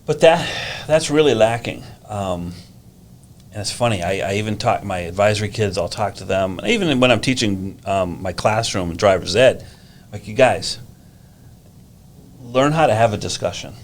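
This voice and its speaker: A man's voice: fairly low pitch, lively intonation, normal speed, slight background noise. A man in his fifties, a teacher and driving instructor, chatting casually on a podcast and telling stories with a gift of gab. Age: 50s.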